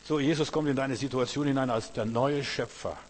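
A man delivers a sermon, hammering home phrases and repeating them, dropping to a hush and then climbing again. His voice sits at an ordinary pitch and carries a long reverb, with a faint hum underneath. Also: a little fast. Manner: emphatic, repeats key phrases, swings from loud to hushed. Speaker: preacher.

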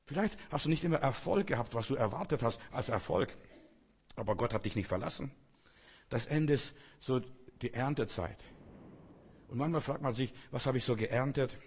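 A man's voice: mid-range voice, expressive, normal speed, husky. A man preaching a sermon, speaking emphatically with repeated phrases and rhetorical questions addressed straight to his listeners.

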